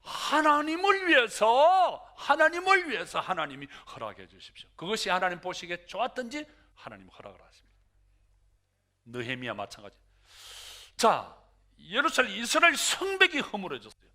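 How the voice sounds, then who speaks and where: Man, pastor, sermon, high and bright voice, animated, voices out prayers and dialogue. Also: fairly quick.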